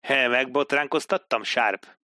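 A haughty army captain with a sharp, mocking edge, drawn out in a raised voice for an audiobook, as a male narrator puts him on. The tone stays forceful and close, with no room around it. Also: mid-range voice, no room sound, natural voice. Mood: sardonic. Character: pompous, sardonic male British army captain.

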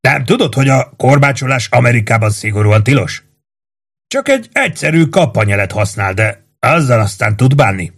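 A man's voice: medium pitch, animated, creaky. A man voicing a wiry young male prisoner who whispers conspiratorially, grins and chuckles as he talks. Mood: sly whisper. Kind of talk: audiobook character voice.

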